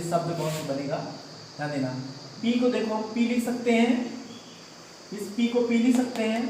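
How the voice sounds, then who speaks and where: A man's voice: high-pitched, a little mellow, a little hiss or hum. A man teaching a grammar lesson to a class, asking questions and repeating the answers himself. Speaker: Hindi teacher. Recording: echoey room, mic far off.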